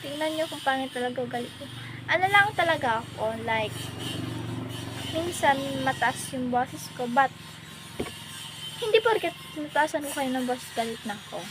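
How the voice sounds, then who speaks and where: A woman's voice: high voice, lively intonation, normal speed, pauses often, background noise. A young woman talking casually and emotionally to her vlog viewers, rambling with many fillers. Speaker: vlogger. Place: home, hot and alone.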